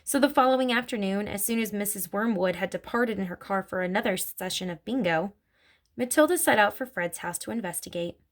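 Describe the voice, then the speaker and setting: A woman reading a children's story aloud in an expressive storytelling manner. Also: mid-range voice, a little fast. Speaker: narrator.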